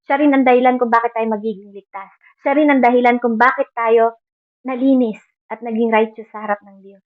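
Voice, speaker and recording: Filipino woman, preacher, earnest sermon, high voice, dull lo-fi sound. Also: fairly even intonation, a little fast. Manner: earnest, mixing Tagalog with English Bible quotes. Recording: dull lo-fi recording.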